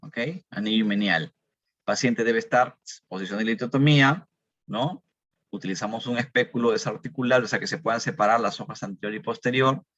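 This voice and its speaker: A man delivers a medical lecture, his voice sitting low. He poses questions to his students and answers them himself, repeating the figures. The recording sounds dull and dry, with no room echo. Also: a little fast, a bit bright. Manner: explanatory, repeats key numbers, asks and answers own questions.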